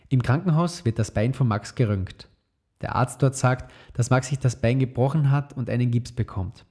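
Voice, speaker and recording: A man reading a children's story aloud in a clear, even way. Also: mid-range voice.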